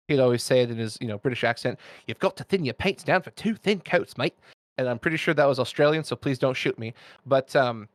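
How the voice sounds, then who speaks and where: Man, podcast guest, chatty explainer, jokey asides, mid-pitched voice, dry close sound. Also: no echo. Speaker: guest miniature painter. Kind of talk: casual podcast chat, explaining technique.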